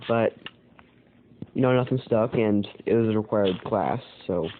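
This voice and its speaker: A man's voice: lowish voice, unhurried. A man with an American accent, hosting his own channel, rambling through casual commentary with lots of fillers and self-corrections. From United States. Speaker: channel host. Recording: tinny phone-like sound with faint noise.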